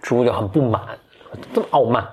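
A man's voice: mid-range voice, lively intonation, fast talker. A man casually retelling a fairy tale in a chatty, playful way, with asides. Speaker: storyteller host.

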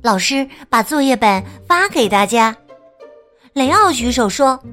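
一位女士给孩子讲睡前绘本故事，语调温柔，像唱歌一样拖长。. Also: female voice, on the high side, expressive, faint music behind. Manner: gentle, sing-song, drawn-out storytelling. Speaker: children's storyteller. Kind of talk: bedtime picture-book narration.

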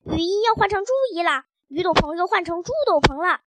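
A woman reading a children's story, voicing an excitable, playful father with loud, gleeful exclamations. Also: extremely high pitch, a little fast, very noisy.

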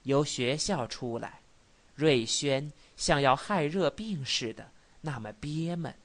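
A man reading a novel aloud as an audiobook narrator, telling the story in a measured way and voicing its dialogue with subdued feeling. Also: medium pitch, a bit bright.

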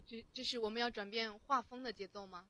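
A woman teases her friends in a voice chat room and giggles easily. Her voice sits a little high. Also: fairly even intonation, fast, pushed and bright. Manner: teasing, giggly. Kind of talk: casual chat.

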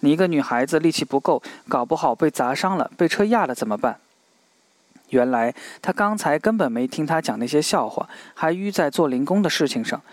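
A man narrating a novel in a steady, even storytelling manner. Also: fairly high pitch, brisk, dry recording. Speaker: audiobook narrator. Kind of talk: scripted narration.

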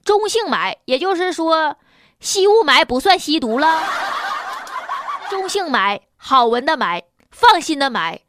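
A woman's voice: high voice, very animated, unhurried, noisy background. A woman with a Northeastern Chinese accent giving sarcastic, colloquial comic commentary on the news as a host.

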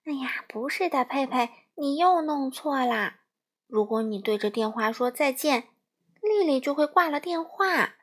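Patient, gentle mother koala, slow and kind, played by a woman. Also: sits high, animated. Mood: gentle correcting. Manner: gently correcting, drawn-out words.

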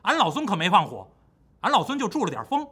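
A man's voice: high-pitched, wildly swooping pitch, sharp tone, breathy edge, full character voice. A man doing the Monkey King, a cocky, brash voice. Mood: boastful. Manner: swaggering, quick and self-assured.

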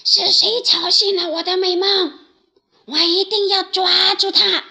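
A woman voicing a big proud male lion in a children's story, speaking in loud shouts. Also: high voice, animated, measured pace. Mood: angry roar.

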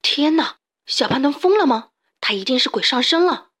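A woman voicing a nervous, excitable young chicken who talks in alarm. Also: high voice, normal speed, pitched above the performer's own voice.

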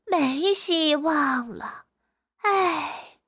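A woman's voice: sits high, sing-song, unhurried, pushed and bright, dry recording, clean studio sound, heavily acted. A woman voicing a timid, fretful young male chameleon who stammers and sighs in a storybook reading. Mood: glum. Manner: stammering, sighing. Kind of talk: storybook character voice.

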